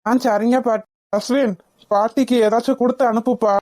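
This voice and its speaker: A woman's voice: fairly high pitch, fairly even intonation, brisk, a little mellow, no room sound, close to an everyday voice. A woman voicing an earnest, polite young woman in a cartoon, speaking respectfully. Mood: grateful.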